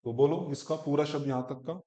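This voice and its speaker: A man teaching Sanskrit pronunciation, breaking verses into slow syllables and correcting a student as he goes. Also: fairly high pitch, fairly even intonation, dark tone. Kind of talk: one-on-one pronunciation lesson. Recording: echoey room.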